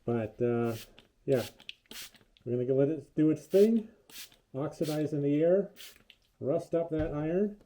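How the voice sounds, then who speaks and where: A man's voice comes out muffled and dull, as if heard through a wall, because he is talking through a respirator mask. His tone is dark and mellow. He walks through a how-to demonstration in a relaxed, rambling way, full of filler words. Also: fairly high pitch, unhurried, long pauses, slight background noise. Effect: muffled as if through a wall, speaking through a respirator mask. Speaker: DIY hobbyist demonstrating a paint finish. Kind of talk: casual how-to narration.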